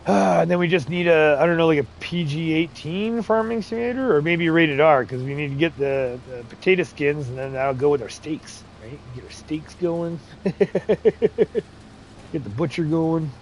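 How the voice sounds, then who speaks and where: A man with a slightly high voice and lively intonation speaks at a normal pace on a low-quality recording with a bit of hiss or hum. He hosts a laid-back farming game livestream, chatting, laughing often, and reading chat aloud. He has English, Irish, Scottish, Ukrainian and Romanian heritage.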